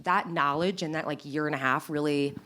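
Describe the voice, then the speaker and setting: A woman in her thirties telling stories in a casual interview, animated, acting out quotes, with many fillers. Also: deep voice, a little fast. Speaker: guest.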